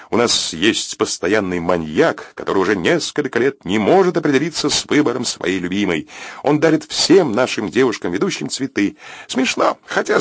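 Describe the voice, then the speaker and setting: A man voicing a sharp-tongued young woman radio host, chatty and teasing, with a lively pitch. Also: no room sound, studio quality.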